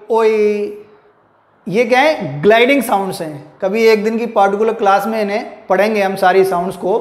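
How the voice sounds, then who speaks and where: A male English teacher giving a classroom lecture, explaining step by step, asking and answering his own questions, and mixing English terms into his Hindi. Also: sits high. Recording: echoey room.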